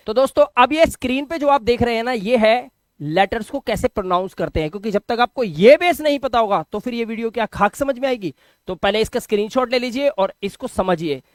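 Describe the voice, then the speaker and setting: A man's voice: extremely high pitch, no echo. A man giving a video lesson as a teacher, patiently repeating sounds and asking and answering his own questions. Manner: repeats key sounds for drilling.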